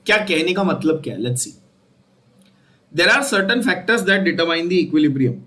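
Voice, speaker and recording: A man's voice: a little high, lively intonation, slow pace, bright, forceful tone. A man. He keeps checking with the students and repeats each key term so it sticks. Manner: asks the students questions and repeats key terms, switching between Hindi and English. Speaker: chemistry teacher. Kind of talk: classroom lecture.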